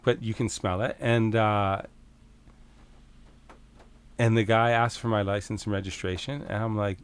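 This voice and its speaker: A middle-aged Canadian man telling a story as a podcast guest, casual and animated, swearing freely and acting out the back-and-forth. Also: medium pitch. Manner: animated, swears freely, acts out quoted exchanges.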